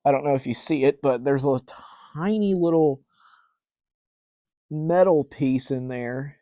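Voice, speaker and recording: On his vintage fan collector channel, a man casually narrates a demo of an old fan, wandering into asides and restarting himself. His voice is medium-pitched and dark in tone, unhurried, with no room sound.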